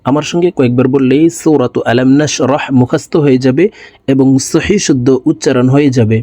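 A man teaching Quran recitation, spelling out syllables slowly and explaining pronunciation rules to viewers. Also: medium pitch, steady tone, warm tone, dry recording. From Bangladesh. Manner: slow melodic chanted recitation.

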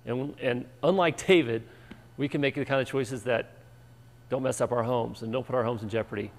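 A man preaching as pastor and show host, telling stories with animated emphasis. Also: medium pitch, moderate pace, creaky. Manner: animated storytelling, lively and emphatic. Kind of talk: energetic sermon. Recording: echoey church hall.

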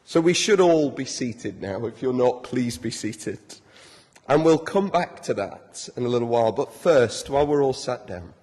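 A man's voice: mid-range voice, animated, normal speed, husky. A young man preaching a sermon in a church, conversational and joking. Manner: warm, conversational, self-deprecating humor. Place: large church. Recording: long church reverb.

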